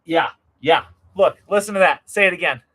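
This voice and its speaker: A man's voice: fairly high pitch, a little fast, fairly bright tone. A man hosting a casual livestream like a showman, hyping things up and repeating phrases for emphasis, in a noisy recording. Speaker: livestream host. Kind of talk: hyped casual livestream patter. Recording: clearly noisy live stream recording.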